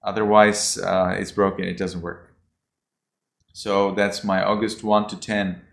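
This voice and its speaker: A low-voiced man with vocal fry and a fairly bright tone teaches over a video call at a measured pace and level tone. His casual class talk rambles, repeats, and leans on "you know," picked up by a laptop mic in echoey audio.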